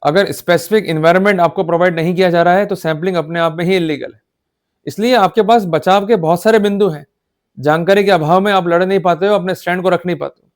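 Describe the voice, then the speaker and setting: Talking fast in a high-pitched voice, a man with an Indian accent explains law in a Hindi lecture mixed with English legal terms. His style is emphatic and teacherly, with frequent short questions to make sure the audience follows.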